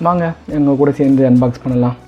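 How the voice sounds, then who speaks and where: This unboxing is narrated by a male video host with a medium-pitched voice who talks fast and conversationally, mixing in English words. The audio is dull and lo-fi, with faint music in the background.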